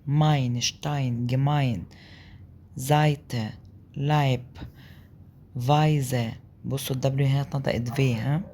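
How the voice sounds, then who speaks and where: An Egyptian-accented man walks learners through German letter combinations at an easy middle pitch. He repeats sounds patiently and keeps checking in with a quick question. A faint noise sits behind his voice. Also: steady tone, darkish tone. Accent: Egyptian Arabic. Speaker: German language teacher. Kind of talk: explaining pronunciation in a lesson.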